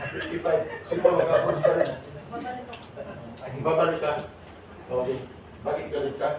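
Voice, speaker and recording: A man leading a seminar for overseas workers, teasing and questioning the audience in a lively way. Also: a little high, unhurried, a crowd in the background. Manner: teasing, jokey, calls on audience members. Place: large hall with audience. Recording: echoey hall, voice from far off, noisy.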